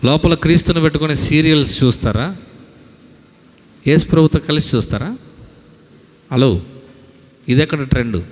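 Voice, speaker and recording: A man's voice: on the high side, moderate pace, long pauses, darkish tone. A man preaching a sermon to a congregation as their pastor, calling on them to repeat lines aloud. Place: church hall. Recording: long hall reverb.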